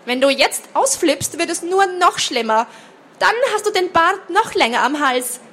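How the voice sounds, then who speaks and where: Lady reading a cheeky teen girl, teasing and mocking, high voice, faint hum behind. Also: lively intonation, unhurried, a bit bright, heavily acted. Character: cheeky teenage girl, teasing twin sister. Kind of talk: reading aloud.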